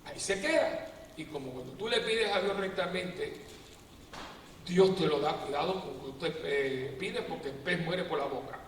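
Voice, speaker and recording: Animated priest in an echoey hall. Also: male voice, on the high side, moderate pace. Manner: animated storyteller, acts out quotes with humor. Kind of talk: lively preaching talk to a prayer group. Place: parish prayer assembly hall. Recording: echoey hall, distant mic, faint noise.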